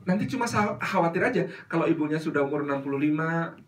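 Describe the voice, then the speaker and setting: High-voiced lively male preacher. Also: fast, a little hiss or hum. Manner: lively, teasing, addresses mothers directly. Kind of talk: religious lecture. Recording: distant mic.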